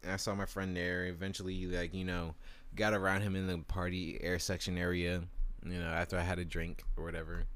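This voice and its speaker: A man's voice: deep voice, flat delivery, brisk, a bit bright. A young man delivering a crude, rambling, exasperated comedic rant to camera with lots of fillers. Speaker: vlogger.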